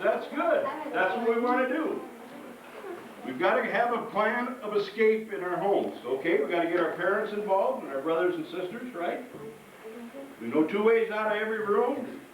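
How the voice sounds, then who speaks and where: Posing as a firefighter, a man gives schoolchildren a folksy, instructive safety talk, frequently checking in with them. He speaks at a normal speed with a high-pitched voice. The large room with an audience makes the audio very echoey and distant, with faint noise.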